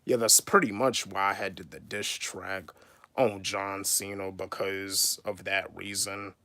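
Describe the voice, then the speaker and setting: A young man in his twenties talks to his viewers in a relaxed livestream, circling back to the same points again and again. His delivery is slow and unhurried, his voice bright and forward, and the sound is dry and close with no room around it. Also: lowish voice, no echo. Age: 20s. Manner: repetitive, restates each point, calls out viewers by name. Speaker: YouTuber and rapper. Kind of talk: casual livestream chat with viewers.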